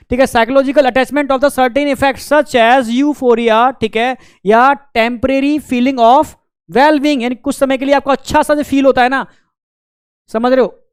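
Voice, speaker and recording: A man's voice: extremely high pitch, clean tone, no room sound, studio quality. A man teaching biology in a casual, conversational lecture, often checking in with his students and acting out quotes from friends. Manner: chatty, keeps asking "ठीक है?", acts out friends' quotes.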